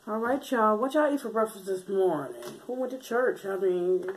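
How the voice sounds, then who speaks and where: A woman's voice: mid-range voice, lively intonation, normal speed. An American woman in a casual mukbang vlog, talking to her viewers in a folksy, informal way as she eats. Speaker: mukbang vlogger. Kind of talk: casual chat to viewers while eating. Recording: noisy room with clinking dishes. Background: clear noise, clicks, cutlery and dishes.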